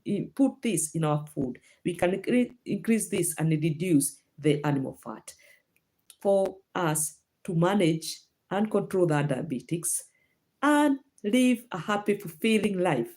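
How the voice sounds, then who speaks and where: A woman from Kenya, mid-range and slightly mellow in voice, hosts a laid-back health livestream on a phone or laptop. Answering viewers' comments in her Kenyan accent, she fills pauses often and frequently restarts her sentences.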